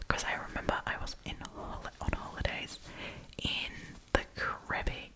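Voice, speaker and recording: Reading at a moderate pace, a woman whispers breathily through an ASMR storytime. Her tone is informal and talkative, with offhand comments along the way.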